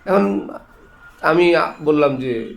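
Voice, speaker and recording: This sermon comes from an Islamic preacher whose gravelly voice sits fairly high, with lively intonation and a very slow delivery. Conversational and jokey, he laughs while teaching and weaves in funny anecdotes.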